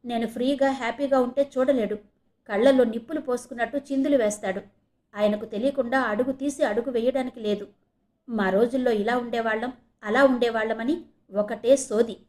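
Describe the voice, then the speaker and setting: A woman's voice: on the high side, steady tone, a little fast, a little mellow, lightly acted. A woman narrator voicing a hurt, defiant young female student. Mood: indignant. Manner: indignant, complaining.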